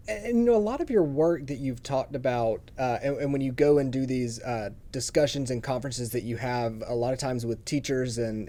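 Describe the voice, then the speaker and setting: Interviewer with a mellow, warm voice. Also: mid-range voice. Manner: thoughtful, long winding questions with restarts. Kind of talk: interview questions.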